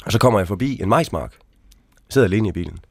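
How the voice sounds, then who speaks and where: Deep-voiced man telling war stories. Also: expressive, creaky, slightly rough, no room sound. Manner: frank, conversational, tags sentences with questioning asides. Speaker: interview guest, army veteran. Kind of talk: casual storytelling.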